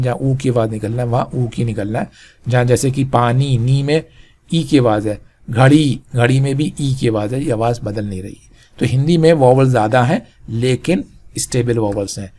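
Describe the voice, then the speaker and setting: Man, tajweed teacher, mid pitch, explains step by step, sounds out letters. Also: darkish tone. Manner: explains slowly, sounding out vowels and letters one by one; closes with Arabic prayers. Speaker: Quran recitation teacher. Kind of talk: tajweed lesson.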